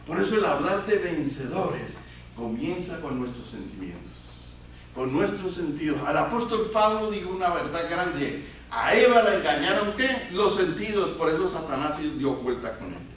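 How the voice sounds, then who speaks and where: A man preaches in a church sanctuary, his fairly high voice ringing through a very reverberant hall and picked up from a distance. He keeps tossing questions to the congregation and swings from loud emphatic peaks to quiet low asides. A faint hiss sits under the room sound. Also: big pitch swings, normal speed. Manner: call-and-response questions to the congregation. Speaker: pastor. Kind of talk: sermon.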